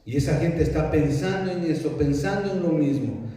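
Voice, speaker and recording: A man's voice: fairly high pitch, moderate pace, warm tone. A male pastor preaching a sermon in earnest, repeating himself and asking rhetorical questions, heard from far off in a large echoing room. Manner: earnest, repetitive teaching with rhetorical questions and restarts. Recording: echoey hall, voice from far off.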